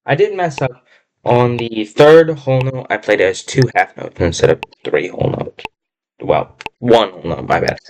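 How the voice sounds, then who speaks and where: A man's voice: medium pitch, lively intonation, moderate pace, a little hiss or hum. A man practicing trumpet, talking to himself between exercises, self-critical and sighing, winded from playing, recorded on a laptop microphone indoors. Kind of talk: casual practice commentary.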